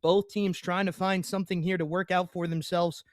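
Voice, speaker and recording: Young guy doing esports play-by-play, kinda high voice, dead dry sound, hiccuping n saying sorry to chat. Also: level tone, moderate pace, dry recording. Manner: hiccuping, apologetic asides to chat. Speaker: esports caster. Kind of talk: play-by-play commentary.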